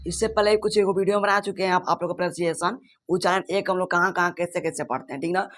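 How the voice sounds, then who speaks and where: A man's voice: high-pitched, steady tone, fast, fairly bright tone. Male online tutor, patient step-by-step drilling, rhetorical questions. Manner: repetitive, asks and answers his own questions; ends phrases with a checking "theek na". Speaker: English pronunciation teacher. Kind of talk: online spoken lesson.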